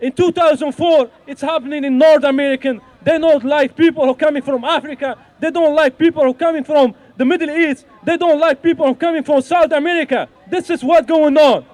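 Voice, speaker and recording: A man's voice: very high voice, steady tone, a little fast, few pauses, darkish tone, no echo. A man from Algeria addressing a protest rally in an impassioned, declaiming way. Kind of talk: rally speech.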